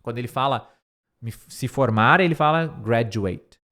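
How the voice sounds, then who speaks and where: Man teaching English, drilling words slowly. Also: mid-range voice, sharp tone. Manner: switches between slow, careful English phrases and quick explanations; repeats words many times to drill pronunciation. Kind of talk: English lesson explaining a speech line by line.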